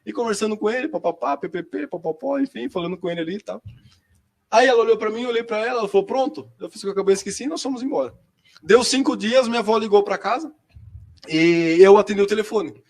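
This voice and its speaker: A young man from São tells his story in relaxed street slang. His voice sits high, and the words tumble out at a rapid clip. He talks like a friend sharing memories. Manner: chatty, slangy storyteller, quick and lively. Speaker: seminarian guest. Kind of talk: personal testimony in casual chat.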